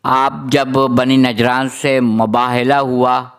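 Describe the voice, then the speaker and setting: A man delivering a religious sermon, reciting long lists of titles in a steady rhythm and explaining Arabic terms to his listeners. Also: medium pitch, clear, resonant tone. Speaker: religious speaker.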